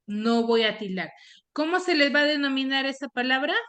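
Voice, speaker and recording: High-voiced woman teaching an online class. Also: animated, moderate pace, fairly bright tone, clean tone. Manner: quizzes students with repeated questions. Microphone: computer mic on a video call.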